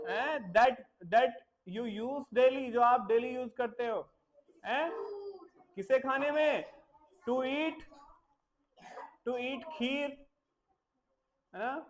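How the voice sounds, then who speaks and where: A man's voice: very high voice, slow pace, long pauses. A man teaching a classroom vocabulary lesson, repeating each word and spelling it out letter by letter. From India.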